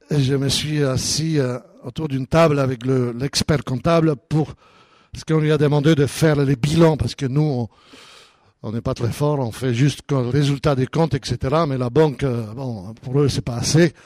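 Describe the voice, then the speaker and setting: A man preaching a sermon as a pastor, animated, acting out the voices of believers. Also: mid-range voice, moderate pace, no room sound.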